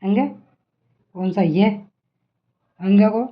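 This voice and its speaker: A woman's voice: mid-range voice, steady tone, slow. A woman teacher giving a classroom lesson, asking questions and answering them herself, repeating each point. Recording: dull lo-fi sound.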